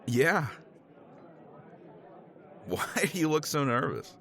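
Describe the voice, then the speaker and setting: With a fairly high, gravelly and slightly bright voice, a man performs a full character voice: a middle-aged professor tipsy from scotch in a romance roleplay. He speaks slowly and expressively, rambling, chuckling and swearing casually in a persuasive mood, while some chatter can be heard behind him.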